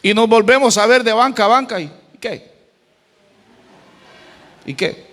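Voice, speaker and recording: A man's voice: very high voice, unhurried, fairly bright tone. A male pastor with a Costa Rican accent preaching a sermon, colloquial and humorous with emphatic storytelling. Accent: Costa Rican Spanish. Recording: church hall with long reverb.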